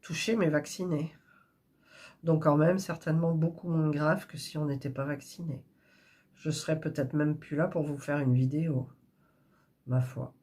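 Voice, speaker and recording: A woman's voice: low-pitched, fairly even intonation, normal speed, pauses often, a little mellow, slightly rough. A woman with a stuffy nose, chatting in a rambling, casual way while preparing embroidery threads. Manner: chatty, rambling, with frequent fillers and restarts. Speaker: cross-stitch crafter vlogger.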